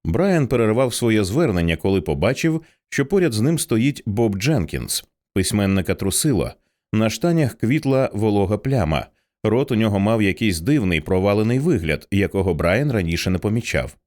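Casting: male audiobook narrator, low voice, lively dramatic intonation. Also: normal speed. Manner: expressive, dramatic reading.

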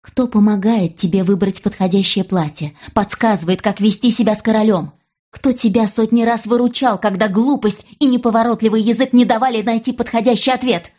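A woman's voice: on the high side, steady tone, a little fast, darkish tone, dull audio, pitched above the performer's own voice, lightly acted. A woman voicing a proud, scheming young noblewoman who scolds and threatens her sister in an audiobook. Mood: angry. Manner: bitter, cutting, hisses threats.

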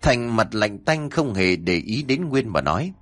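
Man, low voice, lively pitch, horror story narration, acts out dialogue. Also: a little slow.

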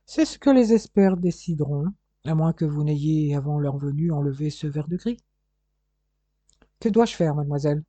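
Reader voicing a stern police inspector, husky. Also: medium pitch, expressive, normal speed, warm tone, no room sound, lightly acted. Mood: insistent. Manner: insistent, coolly formal. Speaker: detective questioning a household.

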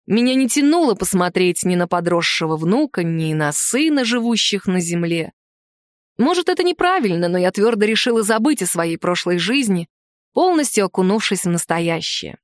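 A woman narrating an audiobook in an expressive, lively way, lifting her voice for quoted lines. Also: no room sound, clean studio sound. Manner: lively, performs quoted lines with rising pitch.

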